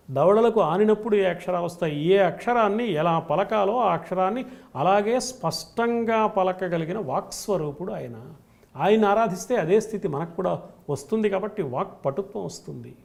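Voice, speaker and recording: High, gravelly-voiced male scholar. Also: a little mellow. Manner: emphatic, rhythmic lists of qualities. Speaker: spiritual scholar guest. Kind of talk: devotional discourse on scripture.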